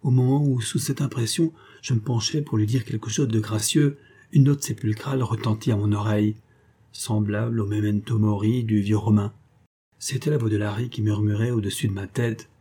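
A man reading a classic comic story aloud as narrator, lifting his pitch for the quoted characters. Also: steady tone, normal speed, dark tone, breathy edge.

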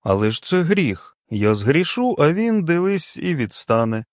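A man's voice: a little high, big pitch swings, unhurried, dry recording, clean studio sound, voice pushed up. A man voicing a stubborn, grumbling husband who talks back defiantly, in a storybook reading.

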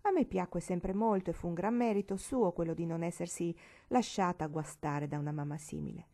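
A woman's voice: fairly low pitch, a little fast, mellow. Woman voicing a jovial middle-aged uncle, blunt, teasing, amused, storybook.

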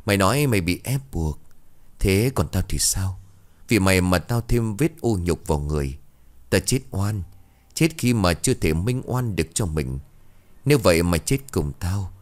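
A vengeful young woman's ghost, as a male narrator puts her on, cold and threatening in a spoken horror story. The voice sits low and deep but moves with lively swings in pitch, giving each command a menacing edge. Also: moderate pace.

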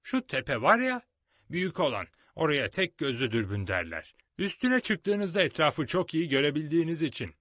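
A man reading aloud gives voice to a cunning one-legged pirate cook who coaxes and schemes in a lively, up-and-down voice. He speaks smoothly, then turns coldly ruthless. The sound is dry and close. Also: a little high, normal speed, no room sound, pitched above the performer's own voice. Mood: obliging. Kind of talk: storybook read-aloud.

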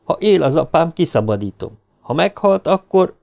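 A man's voice: fairly high pitch, sing-song, creaky, a little mellow, pitched above the performer's own voice. A man reading an audiobook, voicing an agitated, grieving young man in his twenties. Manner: pleading, heated outbursts.

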